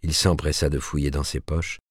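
A man narrating a novel aloud in a measured storytelling manner. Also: rumbling low, flat delivery, husky, no room sound, clean studio sound. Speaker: audiobook narrator. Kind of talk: scripted narration.

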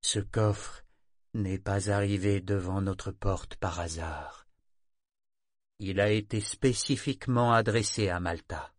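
A man voicing a stern elderly grandmother who speaks gravely and deliberately in an audiobook. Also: on the low side, no room sound, studio quality.

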